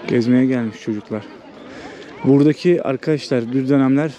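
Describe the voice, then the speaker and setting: Some chatter can be heard behind a travel vlogger as he walks an old walled town, talking fairly quickly in a warm, mid-range voice. He hosts informally, thinking out loud without a script over outdoor city noise.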